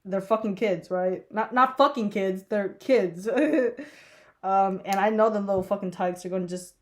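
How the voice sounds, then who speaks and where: Getting ready on camera for a casual vlog, a young adult college student talks at a moderate pace in a steady, medium-pitched voice that's congested and stuffy. Her chat is rambling and giggly, packed with fillers and profanity.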